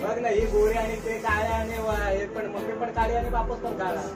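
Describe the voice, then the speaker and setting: A man acting as a nosy neighbour in a comedy short film, loud and mocking as he gossips about a young girl. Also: high voice, little pitch movement, moderate pace, natural voice. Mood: teasing. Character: nosy teasing male neighbour. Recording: distant mic with loud music.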